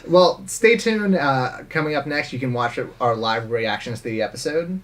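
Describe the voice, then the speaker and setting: A man's voice: medium pitch, lively intonation, normal speed, recorded from a distance. Hesitant man, a bit off-mic. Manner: thoughtful, hesitant with fillers. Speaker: show co-host. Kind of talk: casual review chat.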